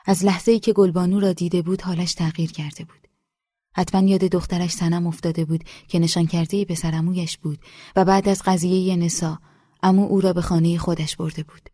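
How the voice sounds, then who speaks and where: Low husky woman narrating calmly. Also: no room sound. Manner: calm, measured, low-key. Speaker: audiobook narrator. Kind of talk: scripted literary narration. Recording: dry close studio.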